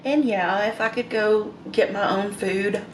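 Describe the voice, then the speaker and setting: A woman chatting casually in a mukbang as she eats crunchy fried chicken, pausing between remarks with satisfied mms. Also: medium pitch, steady tone. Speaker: mukbang vlogger. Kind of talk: casual mukbang chat while eating. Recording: roomy echo, noticeable background noise.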